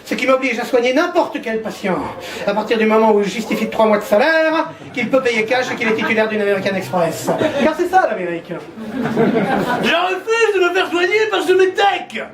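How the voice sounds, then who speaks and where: A man's voice: high-pitched, animated, fast talker, few pauses, a crowd in the background. A male comedian performing a stand-up sketch, playing a pompous TV doctor with theatrical asides. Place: stage before a live audience. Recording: echoey hall with live audience laughing.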